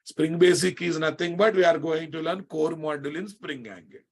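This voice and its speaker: An Indian-accented man teaches a live online technical class in a slightly high voice. He repeats key phrases and regularly checks that his students are following. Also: normal speed. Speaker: programming instructor.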